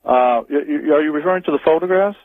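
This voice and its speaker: A man answering as a radio interview guest, speaking in a halting, deliberate way and circling back on his words. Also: a little high, no echo. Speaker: interview guest, Bigfoot tracker. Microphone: telephone. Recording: dry, narrow phone-line sound.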